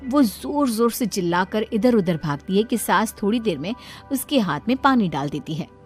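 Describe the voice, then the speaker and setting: Woman reading a cartoon bedtime story, plain even voice, music behind. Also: medium pitch, normal speed. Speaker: narrator. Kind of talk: scripted storybook narration.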